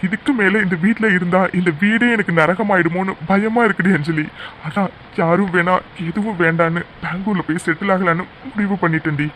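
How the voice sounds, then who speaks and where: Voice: medium pitch, fairly even intonation, brisk, a bit bright, a little hiss or hum, lightly acted. An actor playing a stubborn young man, firm. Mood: heartbroken. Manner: firm, pleading. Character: stubborn grown son, a doctor. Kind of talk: cartoon voice acting.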